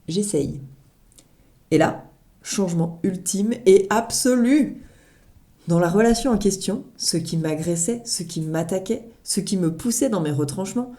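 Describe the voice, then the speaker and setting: Woman, low pitch, warm mellow tone, wry self-mocking narration, reading her own article. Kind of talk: humorous personal narration.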